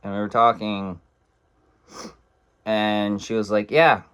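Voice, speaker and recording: A man's voice: fairly low pitch, little pitch movement, slow pace, a bit bright, clean tone. A young man telling a casual story in a blunt, profane, rambling way.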